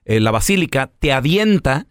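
A man's voice: medium pitch, sing-song, normal speed, clean tone, no echo, studio quality. A man with a Mexican accent hosting a radio show, telling anecdotes in slangy casual chat and acting out the voices. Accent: Mexican Spanish.

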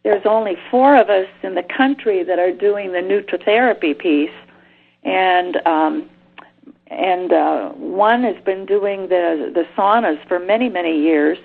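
A woman, a guest expert on a radio call-in show, explains treatment over a clipped phone line, pausing often with ums and restarts. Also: lowish voice, creaky.

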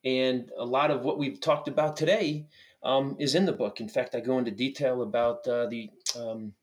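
Male expert guest, mid-pitched voice, conversational interview tone, halting phrasing. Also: steady tone. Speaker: podcast guest, doctor and author.

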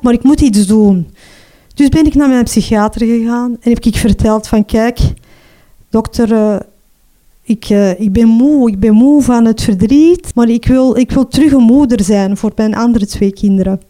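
A middle-aged Flemish woman giving a personal testimony in an earnest, halting way, often ending with a questioning tag. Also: medium pitch, warm tone. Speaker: mother telling her story.

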